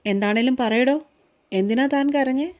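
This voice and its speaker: A brooding, protective young man who questions gently but keeps pressing, read by a woman in her own voice. The tone stays mellow and warm, with a slightly high pitch. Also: normal speed, lightly acted. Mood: concerned.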